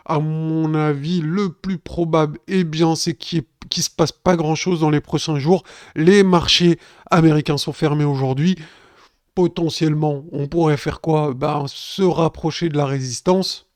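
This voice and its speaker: A man's voice: on the high side, darkish tone, dry recording, studio quality. A man giving casual live crypto chart analysis, chatting directly to his viewers. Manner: chatty, addresses viewers as "les gars". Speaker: crypto trading streamer.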